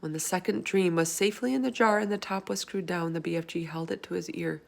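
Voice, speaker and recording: Lady doing a read-aloud of a kids book, slightly low voice, expressive. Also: fast, vocal fry. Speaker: storybook reader.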